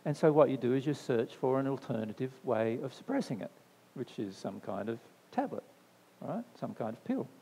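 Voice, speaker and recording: A man's voice: medium pitch, big pitch swings, normal speed, gravelly, dark tone, slight background noise. A man giving a spiritual talk to a live audience, answering their questions in a conversational way, often checking in with "right?" and repeating phrases for emphasis. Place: discussion venue, indoors. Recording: long hall reverb.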